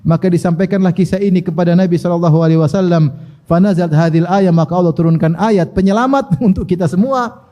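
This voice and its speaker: A man's voice: high voice, quick pace, dark tone, highs cut off. A man giving a religious lesson, reciting Arabic passages, then translating them and acting out the dialogue with humor. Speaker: Islamic preacher.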